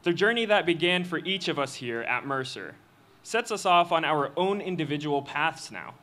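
A young man giving a student speech at a graduation ceremony, reading a prepared text into a podium microphone in an earnest, measured way. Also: fairly high pitch, lively intonation, sharp tone. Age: young adult. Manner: earnest, measured delivery with occasional slips. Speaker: student commencement speaker. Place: outdoor stage of a graduation ceremony.

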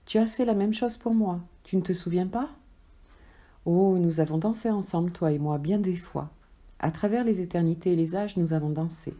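A woman's voice: on the low side, moderate pace, dark tone, natural voice. A woman voicing a tender friendly soul. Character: gentle, loving friendly soul, calm and tender.

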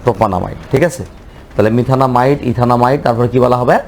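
A man's voice: mid-range voice, quick pace, a little mellow, slight background noise. A male chemistry teacher giving a lecture, asking the class questions and answering them himself, repeating each name over and over. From Bangladesh.

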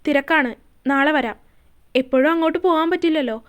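A woman's voice: high-pitched, a little fast, natural voice. Woman voicing a curt young teacher in love. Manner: curt and serious.

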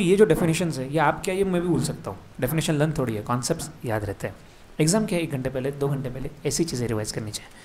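A man with an Indian accent teaching an exam revision lecture, repeating key words and firing quick questions at his students. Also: fairly high pitch, a little mellow.

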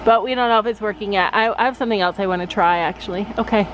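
A woman's voice: mid-range voice, racing, dull audio, loud music behind the voice. A woman vlogging outdoors with her daughter, chatting to viewers and putting on silly voices for the animals. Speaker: vlogger and mother. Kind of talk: casual family vlog. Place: outdoors at a horse campground. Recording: outdoor noise behind.

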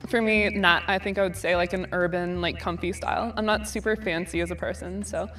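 A young man in a reality show putting on a woman's voice, talking in a soft, laid-back way. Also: sits high, fairly even intonation, fairly quick, pitched above the performer's own voice. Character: young man posing as a woman named Nat. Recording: distant mic with music underneath.

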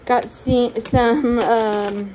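A young woman with a slightly high voice talks casually into a handheld phone camera in her home kitchen. She chats along with plenty of fillers and stumbles, and faint household noise sits behind her. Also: steady tone, extremely slow, a little mellow, low-quality recording. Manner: chatty, with fillers and self-corrections. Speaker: vlogger. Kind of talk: casual grocery haul narration.

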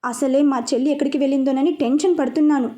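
A woman reading a storybook voicing a worried young man who snaps in quick exasperation. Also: high-pitched, fairly even intonation, dark tone, close to an everyday voice. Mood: irritated.

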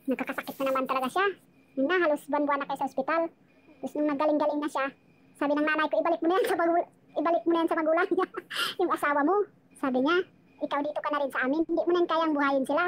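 A woman's voice: sits high, fairly even intonation, very fast. A woman casually telling her life story on a live chat, rambling and emotional, often restarting her sentences.

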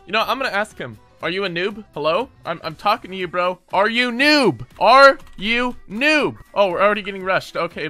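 A man giving excitable gameplay commentary as a gaming YouTuber, often yelling and laughing at the game. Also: high voice.

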